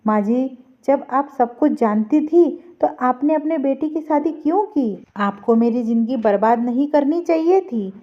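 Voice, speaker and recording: A woman's voice: high voice, moderate pace, lightly acted. A woman voicing a firm, defiant young bride in an audio story. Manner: firm, resolute. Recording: dull lo-fi recording.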